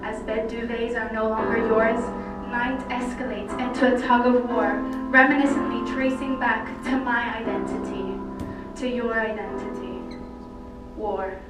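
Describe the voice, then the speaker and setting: A poet from Cyprus recites spoken-word poetry in a fairly high, steady voice, phrasing it deliberately with dramatic pauses. The mic is distant and the sound very echoey, with loud music in the background.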